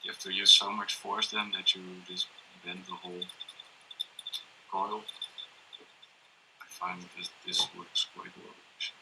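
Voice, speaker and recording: A man explaining step by step how to prepare and solder a coil, talking hesitantly with many pauses and fillers. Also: sits low, level tone, sharp tone, rough recording. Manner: hesitant, many ums and restarts, laughs often. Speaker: workshop presenter. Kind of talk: hands-on electronics demonstration. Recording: faint background noise and tool clicks.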